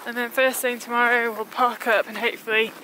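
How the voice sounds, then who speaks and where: A woman casually chatting through a travel vlog, excitable and feeling the cold. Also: a little high, fairly quick, a little hiss or hum, poor audio. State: cold, freezing. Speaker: vlogger.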